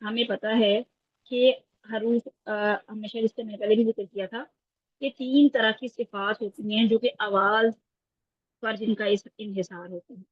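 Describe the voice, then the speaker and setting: Husky-voiced woman teaching over a call. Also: mid-range voice, fairly even intonation, no room sound. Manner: patient step-by-step explaining, checking in with students. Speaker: Quran recitation teacher. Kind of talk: online class lesson. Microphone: video call. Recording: dull lo-fi online call audio.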